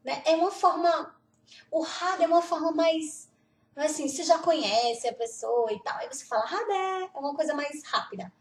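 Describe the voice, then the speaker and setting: A woman teaching Norwegian pronunciation, slowly repeating words and laughing now and then. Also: high-pitched, recorded from a distance. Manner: slow, repeats words carefully, laughs often. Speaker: language teacher. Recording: roomy echo, off-mic.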